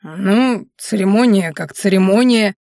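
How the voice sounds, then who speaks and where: Brief: woman voicing brash green orc woman fighter, gruff and plain, audiobook, dry mic. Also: mid-range voice, unhurried, dark tone, dry recording. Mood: blunt. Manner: gruff, plain-spoken, snorting. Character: loud blunt green orc woman warrior.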